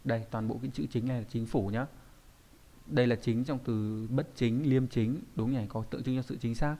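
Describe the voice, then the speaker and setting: A man teaching an online kanji lesson in a chatty, explanatory way, often pausing to check that his students follow. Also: mid-range voice, steady tone, mellow. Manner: explanatory, with frequent checking tags. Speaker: Japanese teacher.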